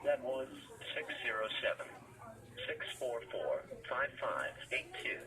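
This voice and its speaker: A man's voice: medium pitch, very animated, a little slow, distant mic, crowd noise. A man's voice in a recorded phone message, reading automated prompts over a speakerphone. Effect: recorded phone message played over a speakerphone. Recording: noisy speakerphone from across the room.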